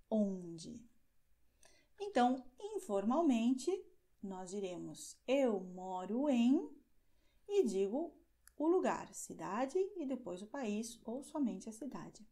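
A woman gives a beginner lesson, saying each model phrase slowly and then repeating it. Her voice is dark and mellow, and her pitch moves up and down a lot. She takes her time over every word. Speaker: Portuguese teacher. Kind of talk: slow, clearly articulated teaching.

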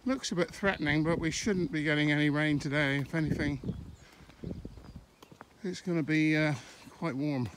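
A middle-aged Englishman vlogs a country walk, filming on a handheld phone as he chats casually and pauses mid-sentence. His voice is fairly high and steady in tone. Outdoors on country lanes and fields, faint background noise can be heard.

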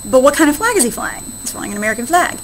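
A woman's voice: high voice, very animated, rapid-fire, slight background noise, rough recording. A woman history teacher giving a recorded classroom lecture, explaining step by step and checking in with "right?" often.

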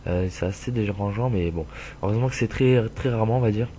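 A young man with a stuffy nose and fairly low voice talks fast while casually commentating a truck-driving game, rambling with lots of fillers and swearing, and bursting out loudly at other drivers. He's in a room at home with a dog playing nearby, and there's a little hiss or hum.

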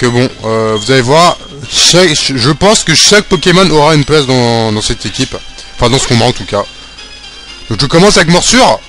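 A young man talks through his game run in a loose, chatty way. He gets excitable and swears at the screen when a fight turns against him. Faint game music plays underneath. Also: medium pitch. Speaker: let's play gamer. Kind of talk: live game commentary.

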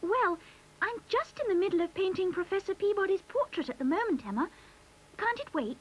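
A woman voicing a cheerful young female strawberry who paints portraits, brisk and friendly, in a children's puppet cartoon. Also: extremely high pitch, expressive, poor audio.

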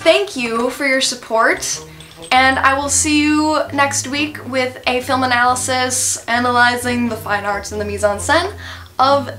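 Bright high-voiced young woman vlogger. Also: fairly even intonation, a little slow, faint music behind. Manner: playful, self-mocking, stumbles and laughs at herself. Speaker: host of an art and film channel. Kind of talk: casual talking-to-camera vlog.

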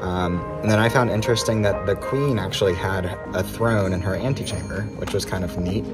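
A man in his thirties talks to a phone held out at arm's length in a grand palace room, recapping the day for a travel vlog. His voice sits a little low and relaxed, full of ums and loose asides. A music bed runs clearly under the phone audio. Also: fairly quick. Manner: chatty, many ums, relaxed recounting. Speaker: travel vlogger. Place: inside an ornate palace room, later outdoors in snow. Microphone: phone held at arm's length, selfie framing.

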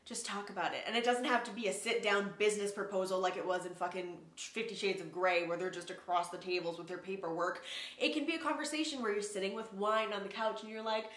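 A woman's voice: mid-range voice, fast talker, a bit bright. A woman in her twenties talking frankly and casually as a sex-education vlogger, with lots of "like" fillers. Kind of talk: casual educational vlog talk. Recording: roomy echo.

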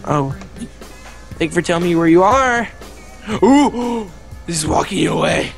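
A young man hosting a casual gameplay video, excitable, shouting and goofing around as he plays. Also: on the high side, normal speed, vocal fry, over music. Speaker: gaming video host.

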